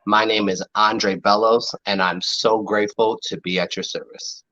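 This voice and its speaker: A man's voice: on the low side, level tone, normal speed. A man, an actor, guesting on a live internet radio show over a video call, speaking graciously and thanking the host. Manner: gracious, warm-mannered, calls host darling. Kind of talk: casual live-stream interview chat. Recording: dull lo-fi stream audio.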